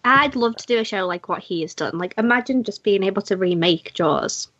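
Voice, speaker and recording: Woman co-host, relaxed and candid, dry muffled podcast sound. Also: mid-range voice, a little fast, no echo. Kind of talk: casual chat. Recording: dull lo-fi podcast mic.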